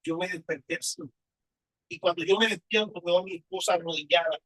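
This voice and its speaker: A man's voice: sits high, steady tone, fairly quick, fairly bright tone, slightly rough, dry recording, rough recording. A man preaching a personal testimony sermon, telling his story with emotion and asking rhetorical questions.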